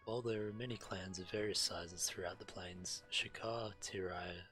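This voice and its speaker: A man streaming a game reads quest text aloud, sometimes stumbling over the words, with video game music playing behind him. His voice is low-pitched and sharp, with a steady tone and moderate pace.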